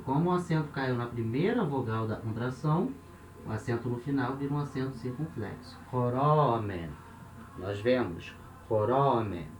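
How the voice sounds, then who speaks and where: A man's voice: medium pitch, a little mellow, recorded from a distance. A man with a Brazilian Portuguese accent teaches a lesson, working through each step, counting aloud and often checking that his listeners follow. He stands some way from the microphone in an echoing room, with a faint hiss in the background. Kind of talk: classroom lesson at a board. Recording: roomy echo, off-mic, faint hiss.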